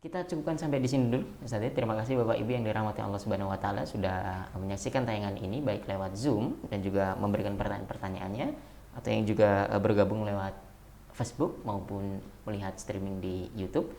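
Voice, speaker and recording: A woman's voice: a bass voice, fast, mellow, slight background noise. A woman moderating an online study session, giving polite, formal closing announcements.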